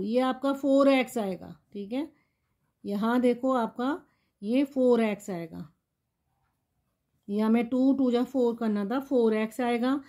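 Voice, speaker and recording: A woman's voice: on the high side, warm tone. A woman maths teacher explaining polynomial division step by step, patiently asking the class questions and answering them herself.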